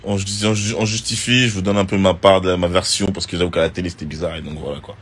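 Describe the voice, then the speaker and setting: Husky low-voiced man chatting casually. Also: fast talker. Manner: relaxed and slangy, with many fillers. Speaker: reality TV contestant. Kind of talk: casual social media chat answering viewer questions.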